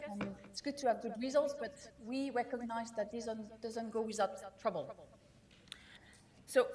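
A woman whose first language is not English, giving a conference keynote in a measured way, with frequent fillers and restarts. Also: on the high side. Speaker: keynote speaker.

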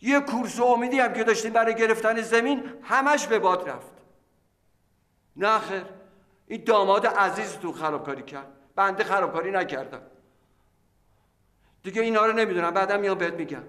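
Flustered clerk, high voice, blustering, echoey room. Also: male voice, pauses often, fairly bright tone. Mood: scolding. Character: fussy flustered middle-aged male office clerk. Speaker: office clerk in a sitcom. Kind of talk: sitcom acting.

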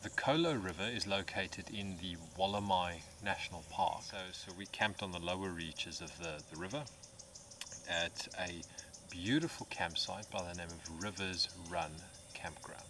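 A man's voice: low voice, normal speed. An Australian man in his thirties, talking easygoing and casual with plenty of fillers as he vlogs a camping trip from a bush campsite. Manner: relaxed, easygoing, with frequent fillers. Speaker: camping vlogger. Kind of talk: casual vlog narration. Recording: outdoor recording with insect noise. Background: insects and crickets in the bush.

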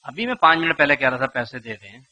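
A man's voice: mid-range voice, sing-song, pushed and bright, dull audio. A man giving a motivational lecture to a live audience, speaking rhetorically, putting questions to the listeners and acting out what parents say.

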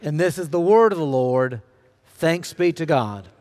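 Man, scripture reading, deliberate, steady, fairly high pitch, lectern mic, reverberant church. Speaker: scripture reader. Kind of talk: reading scripture aloud in worship. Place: large church sanctuary, indoors. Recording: long reverb of a large sanctuary.

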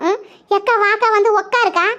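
A woman's voice: very high voice, fairly even intonation, brisk, pushed and bright. A woman voicing a concerned young village woman who coaxes a crying neighbor to sit down, in a cartoon. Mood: worried. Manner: coaxing, fussing, exclaiming. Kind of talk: cartoon voice acting. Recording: muffled lo-fi recording.

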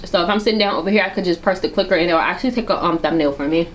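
Young woman vlogger, low voice, hand at her mouth, casual slangy chat, faint room noise. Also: very fast. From Virginia, United States. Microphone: camera on a stand.

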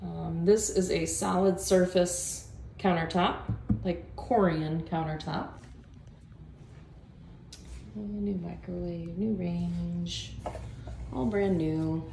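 Walking room to room through an empty condo, a Florida realtor narrates a casual, upbeat home tour packed with fillers, recorded on a handheld phone. Her lowish voice is steady, slow, creaky and mellow, with frequent pauses, and the echoey rooms carry background noise.

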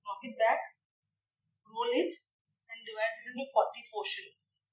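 In an echoey teaching kitchen, far from the microphone, a young female chef instructor gives a step-by-step cooking demo. She speaks a little slowly in a fairly high, steady tone, frequently using "okay" and "right" as she instructs.

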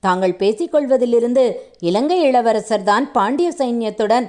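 A woman's voice: fairly high pitch, moderate pace, darkish tone, close to an everyday voice. A woman reading a loyal male servant and spy in a storybook reading, eager and deferential in her delivery.

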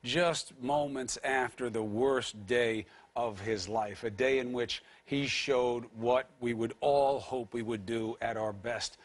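A male news anchor introducing a guest on a morning show. His voice is mid-pitched, and he delivers each line in a measured, earnest way.

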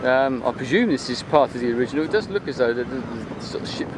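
A man with a medium-pitched, animated voice talks fast as he films himself walking an open beach at low tide. His vlog commentary is casual, chatty, rambling and unscripted, captured by the handheld camera's built-in mic with clear wind and water noise.

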